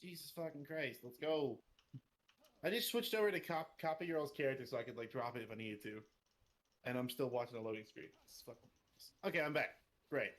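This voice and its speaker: A man's voice: medium pitch, brisk, a bit bright. A man narrating as game master of a tabletop game, loose and chatty, swearing casually.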